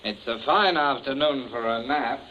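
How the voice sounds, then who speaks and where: A man's voice: mid-range voice, normal speed, close to an everyday voice. An actor playing a breezy, mocking young man in a 1940s radio play. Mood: snide. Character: cocky, snide young son and accomplice. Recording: dull old radio recording, faint hiss.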